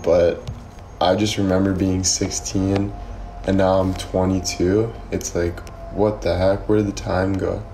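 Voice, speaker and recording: A man in his early twenties casually chatting on a livestream, reading and answering viewer comments in a relaxed, rambling way, recorded close on a phone. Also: on the low side, slight background noise, low-quality recording. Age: 20s. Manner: relaxed, rambling, answers chat questions aloud. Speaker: livestream host. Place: small bedroom indoors. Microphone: phone held close, front camera.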